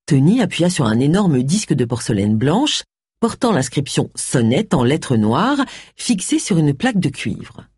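An audiobook narrator reading a story with expressive storytelling, close to the mic. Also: mid-range voice, measured pace, breathy edge, no echo. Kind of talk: scripted narration.

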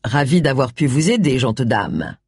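A reader voicing a self-assured, pushy man who talks in a low, offhand way. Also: big pitch swings, measured pace, darkish tone, husky, no echo, clean studio sound. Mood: smug. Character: smug, pushy man, a would-be seducer.

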